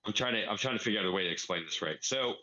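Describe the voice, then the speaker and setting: A man explains his farm build in a casual gaming tutorial, going step by step and thinking aloud as he plays. His voice is fairly low, pushed and bright, and he races along. The recording sounds muffled.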